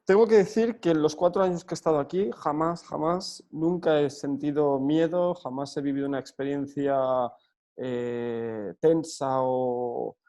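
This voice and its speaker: Man, football coach, mellow voice, earnest and halting delivery. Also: a little high, steady tone. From Spain. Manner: earnest, hesitant with frequent fillers and restarts. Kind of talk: remote interview answers.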